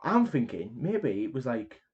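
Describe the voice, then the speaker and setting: A man's voice: medium pitch, sing-song, measured pace, darkish tone, highs cut off. A man co-hosting a comedy podcast, chipping in with dry banter. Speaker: podcast co-host.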